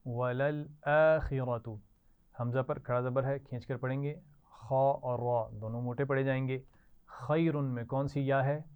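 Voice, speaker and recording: A woman teaching Quran recitation to children, modelling each word slowly for the class to repeat. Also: extremely low pitch, steady tone, mellow, clear, resonant tone. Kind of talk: slow call-and-response recitation lesson. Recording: tinny lo-fi online class audio.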